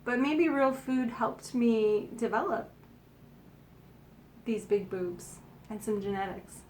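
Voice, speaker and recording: A woman's voice: on the high side, slow, darkish tone, a little hiss or hum. A Canadian woman in her forties with a Canadian accent, chatting casually and cheerfully as a food-site co-host. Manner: upbeat, giggly. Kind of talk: casual chat.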